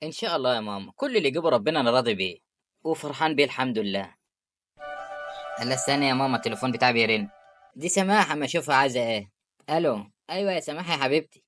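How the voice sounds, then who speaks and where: A performer with an Egyptian Arabic accent voicing an affectionate, patient young husband in an animated story. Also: female voice, very deep voice, no room sound, faint music behind. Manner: warm-hearted, rapid.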